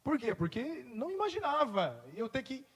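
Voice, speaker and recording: A man with a very high, sing-song voice and a breathy edge preaches at a moderate pace in church. As a pastor, he moves from conversational stories to emphatic declarations, all under the long reverb of the church hall.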